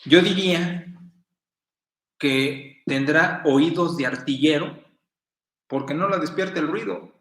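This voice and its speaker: A middle-aged man with a Mexican accent preaching a sermon in a folksy, storytelling way, with sudden bursts of loud emphasis. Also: on the high side, takes it slowly, long pauses. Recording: roomy echo.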